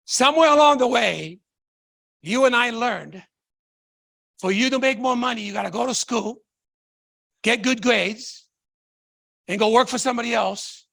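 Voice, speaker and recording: A man's voice: very high voice, gravelly, bright, forceful tone, no room sound, clean studio sound. A man from Tonga, giving a fervent motivational stage talk and firing rhetorical questions at the audience. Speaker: motivational speaker.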